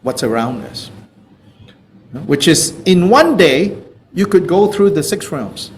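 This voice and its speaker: A Buddhist teacher with a Malaysian accent gives informal spoken teaching and takes questions from students, speaking slowly in a fairly high voice with lively swings. He is playful and conversational, chuckling and repeatedly checking in with phrases like "you know," and there's slight background noise.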